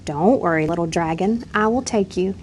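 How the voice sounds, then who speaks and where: A woman's voice: on the low side, normal speed, slight background noise, natural voice. An eager young knight in a storybook, kind and earnest, always encouraging his friend, voiced by a woman reading aloud. He sounds hopeful and good-hearted.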